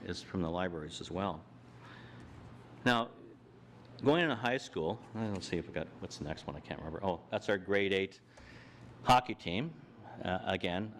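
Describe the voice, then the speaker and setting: With a lowish voice and slight background noise, an older Canadian panelist delivers a plain, personal talk in a hall full of listeners. He steps through his slides, frequently starting over mid-thought.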